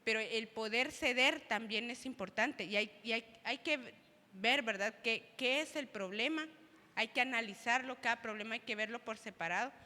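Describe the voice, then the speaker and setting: A woman's voice: on the high side, normal speed, sharp tone, in a large hall. A woman co-presenting at a church service, speaking thoughtfully and often checking in with the listeners. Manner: thoughtful, frequent tag questions. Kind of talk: reflective church talk.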